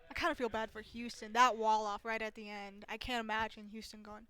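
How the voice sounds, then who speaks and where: A woman's voice: a little high, flat delivery, a little fast, a bit bright, clean tone. A young woman co-casting a college esports match in casual chat, making brief matter-of-fact remarks. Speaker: esports caster. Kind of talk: casual live commentary chat.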